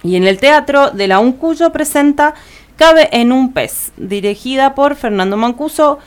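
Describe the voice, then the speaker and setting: Heard in a radio studio, an Argentine-accented woman works through the week's events agenda as a community radio co-host. She pitches a little high with a clean tone, peppering her reading with "eh" and frequent self-corrections.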